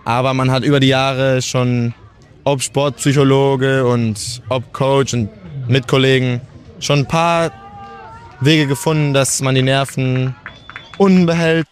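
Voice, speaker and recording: A young man talking casually in an interview, relaxed and chatty, often restarting his sentences. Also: mid-range voice, measured pace. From Germany, raised in Portugal. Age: young adult.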